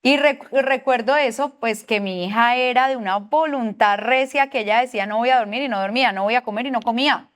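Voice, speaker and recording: A woman's voice: on the high side, fairly quick, few pauses. A middle-aged Colombian woman with a Colombian accent giving an earnest church parenting talk, putting questions to her listeners. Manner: earnest, asks the audience questions. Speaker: parenting class teacher at a church.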